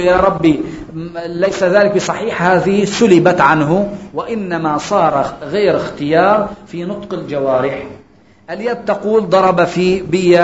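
High-voiced preacher. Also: male voice, a little hiss or hum. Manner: explanatory, slows for quotations. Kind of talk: sermon. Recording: echoey dull lo-fi recording.

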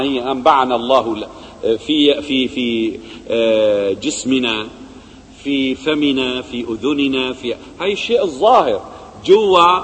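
Male preacher, raised pitch, questioning style, hall reverb. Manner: rhetorical questions, swings between loud emphasis and low quiet asides. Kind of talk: religious lesson.

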